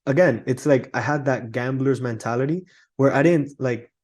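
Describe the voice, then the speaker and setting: Relaxed Cuban-born young man guest. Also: mid-range voice, moderate pace. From Cuba. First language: Spanish. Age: 20s. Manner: relaxed, chatty, laughs easily, many "like"s. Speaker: guest, trader. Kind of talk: casual podcast interview.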